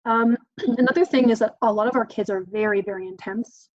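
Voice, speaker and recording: Recorded dry and sounding dull, a woman with a somewhat high, darkish-toned voice presents a parenting workshop briskly. Her informal teaching style is casual and chatty, with frequent "um"s and acted-out exchanges between parents and children.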